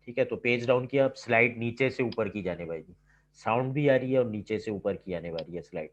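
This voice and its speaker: Lecturer on a muffled online class. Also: male voice, lowish voice, fairly quick, slight background noise. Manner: explains step by step, says "ठीक है" constantly. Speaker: lab instructor. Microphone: computer mic on a video call. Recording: slightly dull online class audio.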